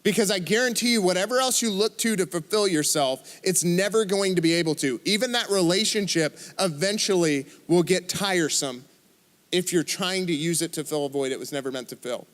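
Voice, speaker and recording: A man preaching a youth sermon in a church service, energetic and punctuated with joking asides to the crowd. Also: sits high, a little fast. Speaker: youth pastor.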